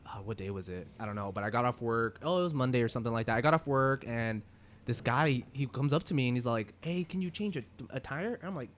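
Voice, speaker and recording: A man's voice: mid-range voice, fast, a little hiss or hum. A young man co-hosting a podcast, telling a rambling story in casual chat and swearing freely. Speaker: podcast co-host.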